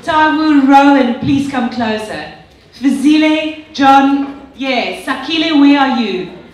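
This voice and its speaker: A woman's voice: high voice, expressive, takes it slowly. A woman hosting a live event, addressing the audience in a polished, enthusiastic presenter's manner. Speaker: event host. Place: large echoey indoor venue. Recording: very echoey hall, far from mic.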